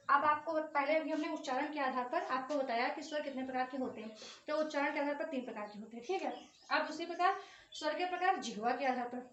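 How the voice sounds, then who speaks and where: A woman teaches an exam-prep grammar lesson in a high voice. She pronounces each sound aloud, draws out the long vowels and keeps asking whether her students follow. She sits a little back from the mic in an echoey room. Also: fairly bright tone, far from the mic, lo-fi sound, slight background noise. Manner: drills vowel sounds aloud, stretching long ones, with frequent "ठीक है" check-ins.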